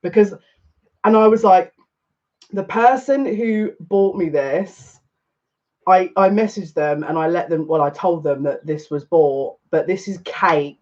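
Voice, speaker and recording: A man in his thirties, a psychic reader chatting casually on a live stream, excitable and rambling. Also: a little high. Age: 30s. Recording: dull lo-fi stream audio.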